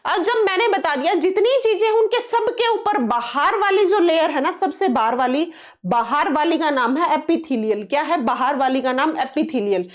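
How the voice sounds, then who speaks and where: Casting note: high-voiced female teacher, exam-prep science class, repeats key terms, asks then answers her own questions. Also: animated. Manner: coaxing, reassuring tone toward students; reads English question text slowly.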